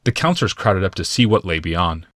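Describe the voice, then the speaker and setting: A low-voiced man narrates a fantasy audiobook with deliberate, dramatic, clearly scripted storytelling that is expressive and a bit bright. The sound is close and dry, with no room echo.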